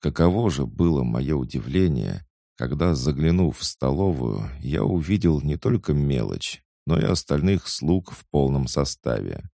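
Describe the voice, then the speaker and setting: Very deep gravelly male narrator. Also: a little slow, no room sound, clean studio sound. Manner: first-person storytelling, even. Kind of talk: audiobook narration.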